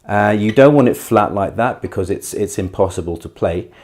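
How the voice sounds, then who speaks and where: A man giving a beginner guitar tutorial in a careful, unhurried way, patiently and reassuringly explaining each step. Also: fairly low pitch, darkish tone. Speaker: guitar teacher. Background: acoustic guitar playing.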